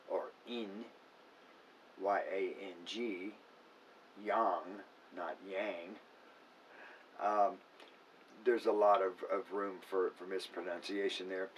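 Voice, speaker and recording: A man who works as an acupuncturist, explaining a topic in an unscripted, casual way, with fillers and restarts. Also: deep voice. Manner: unscripted, self-correcting, with filler words. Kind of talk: casual educational talk. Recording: voice a bit far from the mic, faint room noise.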